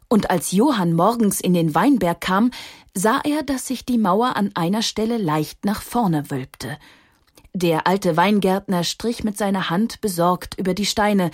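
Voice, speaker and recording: A woman narrating a children's story in a calm, measured storytelling voice. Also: medium pitch, slightly rough, no room sound, studio quality. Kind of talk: storytelling read aloud.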